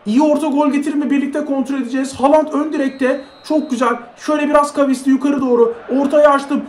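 Young male gamer, very high voice, excitable play-by-play, echoey room. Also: fast. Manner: excitable, shouts at big plays, chats to viewers. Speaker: mobile football gamer. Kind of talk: live gameplay commentary.

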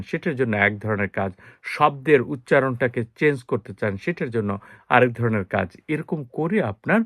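A man teaches English tips in a plain, steady voice. He explains point by point and repeats key phrases, recorded close in a dry room. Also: medium pitch, no room sound. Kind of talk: spoken English lesson in Bengali.

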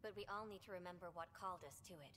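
An actress voicing a steady woman who leads space colonists in a video game, speaking in a measured, earnest way. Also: lowish voice, dry recording.

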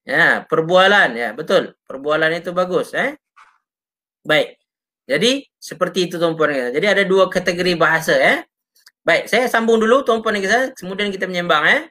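Malaysian male religious teacher, bright forceful tone, casual chatty lesson that keeps checking in with viewers. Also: sits high, normal speed. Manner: chatty, often addresses listeners, punctuates with short "ha, ya" tags; reads out and answers viewer comments. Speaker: Islamic teacher. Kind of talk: casual live teaching talk.

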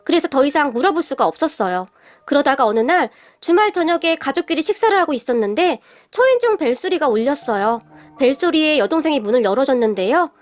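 A woman narrating a first-person story in a steady, polite storytelling manner. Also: high voice, a little fast. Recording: soft background music.

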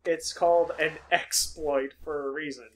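A man's voice: on the high side, fairly even intonation, a little slow, fairly bright tone, slight background noise. A man co-hosting a casual podcast, cracking sarcastic jokes and wandering off topic. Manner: joking, sarcastic, goes off on tangents. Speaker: podcast co-host. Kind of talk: casual chat.

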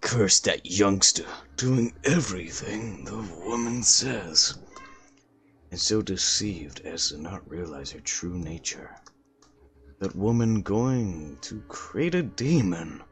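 A man's voice: low-pitched, lively intonation, takes it slowly, a little hiss or hum. A man voicing a bitter, scornful old man from a video game, mumbling to himself. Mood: grumbling, bitter. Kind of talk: reading video game dialogue aloud.

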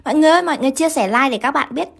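A Vietnamese woman teaches English grammar live, her high voice moving briskly through the exercises. She keeps checking in with her audience as she works. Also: animated, creaky. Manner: brisk, keeps asking students to confirm. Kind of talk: live-streamed grammar lesson.

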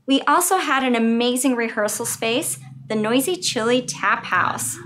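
A woman's voice: a little high, expressive, moderate pace, a bit bright, a little hiss or hum. A young woman, co-director of a community theatre group, introducing the company and its sponsors in a friendly, matter-of-fact way. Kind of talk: scripted introduction to a streamed play.

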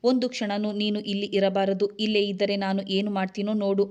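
A woman's voice: mid-range voice, level tone, fairly quick, a little mellow, lo-fi sound, lightly acted. A woman voicing an angry, scornful young husband who scolds harshly. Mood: angry scolding.

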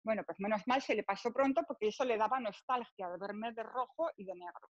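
A woman from Spain with a Spanish accent chats as an interview guest, her voice pitched a bit high. She tells anecdotes with energy, acting out dialogue and laughing along the way. The sound is dry and a little dull, with no room echo. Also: fairly quick. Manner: animated storyteller, acts out dialogue, laughs often. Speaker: radio presenter and Spanish teacher, interview guest. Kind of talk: casual interview chat.

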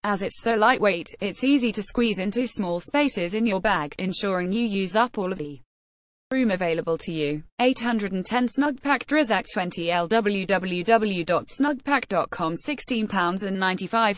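A woman's voice: mid-range voice, animated, moderate pace, no echo. A woman reading out a product review in scripted narration, saying ratings and web addresses word for word.

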